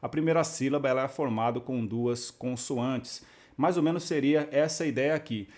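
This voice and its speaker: A man teaches in a calm, methodical way. He explains each step patiently and slows down to sound out syllables. His voice sits at a middle pitch. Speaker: Biblical Hebrew teacher. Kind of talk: explanatory video lesson.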